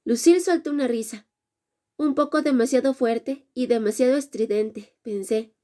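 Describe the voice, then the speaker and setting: A woman reads a first-person romance story aloud in a measured, dramatic way. Her voice sits a little higher than most women's, yet the tone stays soft and mellow. She carries the narration steadily at an even pace. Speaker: audiobook narrator.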